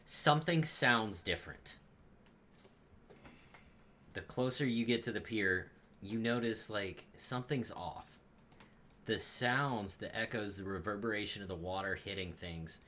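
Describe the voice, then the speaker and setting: A man narrating a tabletop game as game master, describing scenes with animated, restarting delivery. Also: fairly low pitch, a little slow, slight background noise.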